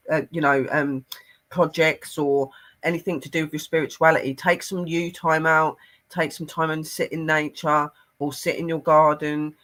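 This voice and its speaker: Bright-voiced man giving a spirit message. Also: fairly high pitch. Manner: earnest, rambling with fillers. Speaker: spiritual medium co-host.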